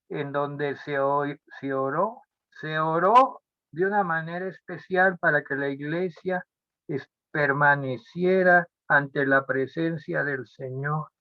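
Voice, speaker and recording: A male pastor preaches at an unhurried, measured pace, circling back to repeat his key phrases. His voice sits a little high for a man. The recording sounds dull and lo-fi, with almost no room echo. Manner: deliberate, repeats phrases and restarts words. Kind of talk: sermon.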